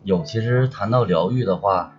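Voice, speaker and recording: A man's voice: lowish voice, normal speed, muffled recording, soft background music. A middle-aged man with a northeastern Chinese accent chatting reflectively as a guest on a livestream. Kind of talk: casual reflective chat.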